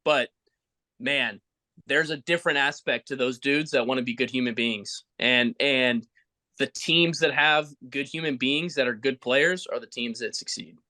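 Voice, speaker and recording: A man's voice: mid-range voice, unhurried, sharp tone. A man hosting a podcast, giving earnest, heartfelt praise in casual chat. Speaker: podcast host.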